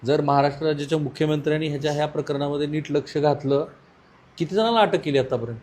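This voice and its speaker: A man's voice: on the high side, racing, a little mellow. A man interviewing a family on site, asking probing questions and giving earnest commentary. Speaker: interviewer, vlogger.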